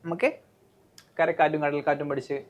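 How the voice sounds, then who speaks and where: A woman's voice: sits low, little pitch movement, fairly quick, dull audio. Woman teacher, Malayali accent, coaching lesson, asks the class questions, says "okay" often. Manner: explains step by step with frequent "okay" and questions to students; mixes English terms into Malayalam.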